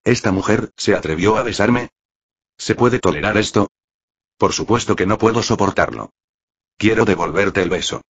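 Storybook: brash young officer, read by a man in his own low husky voice, dull lo-fi audio. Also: lively intonation, normal speed, long pauses. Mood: cocky. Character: brash, cocky young male marine officer. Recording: dull lo-fi recording.

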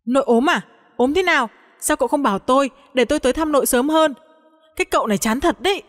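A woman voicing a pushy, cheerful young man, talking quickly and insistently. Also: high-pitched, long reverb tail, voice pushed up, natural voice. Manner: insistent, quick teasing talk.

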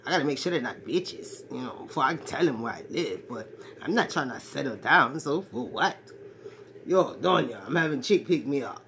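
Using a full character voice that is bass, creaky, fairly bright, and animated at normal speed, a woman embodies a brash, crude fortysomething ladies' man full of swagger. She rambles comedically to a phone camera at arm's length in a small, cluttered bedroom amid slight background noise.

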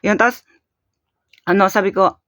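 A woman's voice: medium pitch, steady tone, normal speed, fairly bright tone, dry recording. A woman from the Philippines telling a casual story on her vlog, chatty, laughing often and trailing off with fillers. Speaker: vlogger. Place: home in Korea.

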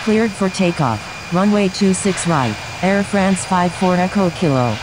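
A woman's voice: on the low side, lively intonation, measured pace. A woman pilot on a cockpit headset, making clipped, formulaic radio calls to the tower. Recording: loud aircraft engine noise behind.

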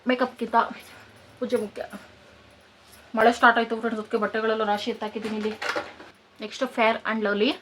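A woman's voice: on the high side, level tone, fairly quick, pauses often, a bit bright, a little hiss or hum. Joking village woman vlogger, late twenties. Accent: rural Kannada, Kanakapura area. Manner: joking, addresses viewers as friends, coos at pets. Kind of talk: casual chat to viewers. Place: village home, indoors and outdoors.

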